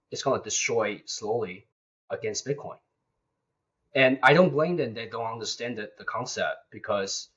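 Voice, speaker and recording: A man's voice: on the low side, a bit bright, breathy edge. A young man, a guest speaking earnestly in a casual interview and often repeating words. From Taiwan. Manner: earnest, repeats words, non-native grammar. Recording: dull lo-fi sound.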